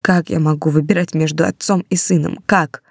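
A woman's voice: sits low, fairly even intonation, normal speed, creaky, breathy edge, no room sound, clean studio sound, exaggerated voice. A woman reading an audiobook, voicing a desperate mother in a pleading, tearful way.

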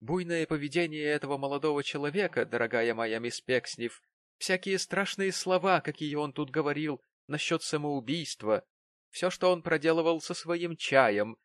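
A man's voice: a little high, animated, normal speed, a bit bright, dry recording, voice pushed up. A theatrical, effusive middle-aged landlady, put on by a male reader, lifted well above his own register. She pours out her tales with sighs and melodrama. The recording is dry and close. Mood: gushing. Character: gushing dramatic middle-aged landlady woman.

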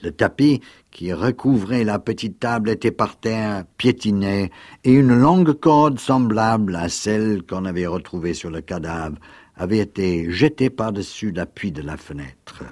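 A man reads a classic detective tale in a measured way, sometimes dropping to a hush. His voice sits low and moves slowly. The recording is close and dry. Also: dry recording. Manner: measured storytelling, hushed at times. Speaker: narrator. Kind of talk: literary reading.

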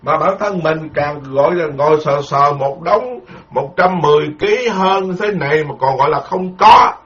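Man, Buddhist monk, dharma lecture, repetitive and emphatic, fairly high voice, muffled lo-fi recording. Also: moderate pace, a bit bright. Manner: repetitive, folksy, emphatic with proverbs.

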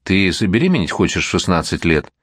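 A man reading the part of an exasperated middle-aged mother scolding her teenage daughter, stern and sharp-tongued. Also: deep voice, sing-song, fairly quick, no room sound, studio quality, heavily acted. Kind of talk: audiobook character reading.

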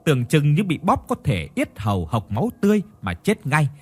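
Expressive male horror storyteller. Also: on the high side, a little fast, slightly rough. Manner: dramatic, expressive reading. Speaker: narrator.

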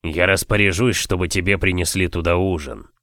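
A man narrating an audiobook, voicing a domineering husband who gives slow, drawn-out commands. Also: low voice, fairly even intonation, a bit bright, no echo, clean studio sound, pitched below the performer's own voice. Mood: soothing.

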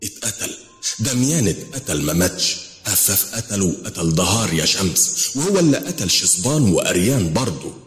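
A man's voice: low-pitched, very animated, a little fast, reverberant, big-room sound, faint music behind. A man with an Egyptian accent voicing a scheming female jinn queen who warns of a rival. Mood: urgent. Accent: Egyptian Arabic.

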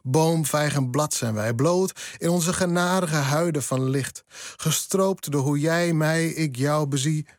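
A man whose first language is Frisian, a poet reading his own poem slowly and then talking about it in a radio studio interview. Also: fairly high pitch, no room sound. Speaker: poet, guest.

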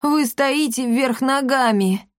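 A woman's voice: medium pitch, fairly quick, a little mellow, no room sound, clean studio sound, natural voice. A woman voicing a grumpy, sarcastic male cat who grumbles snide remarks.

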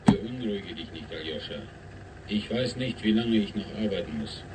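An actor playing a calm, evasive male spaceship captain who soothes with repeated phrases, in a radio drama. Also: on the low side, moderate pace, background noise, lightly acted. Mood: soothing. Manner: soothing, repetitive, detached.

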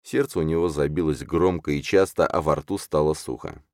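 Low-voiced male audiobook narrator. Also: fairly even intonation, brisk, a little mellow, no room sound, studio quality. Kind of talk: scripted narration.

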